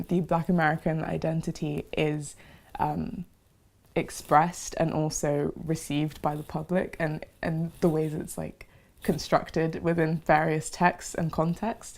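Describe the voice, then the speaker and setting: A woman's voice: sits low, creaky, a little mellow. A young woman from London, a university student who talks in a bubbly way and often laughs in an interview. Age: young adult. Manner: bubbly, laughs while talking. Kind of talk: casual interview testimony.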